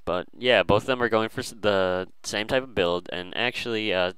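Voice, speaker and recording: A man's voice: fairly low pitch, normal speed, fairly bright tone, clean tone, no echo, low-quality recording. A man casually commentating a strategy game, hesitant and full of fillers and restarts.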